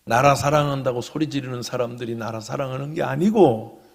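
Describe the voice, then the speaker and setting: Husky Korean pastor in echoing sanctuary. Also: male voice, medium pitch, a little fast. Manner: swings between loud proclamation and hushed whispers. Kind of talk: sermon.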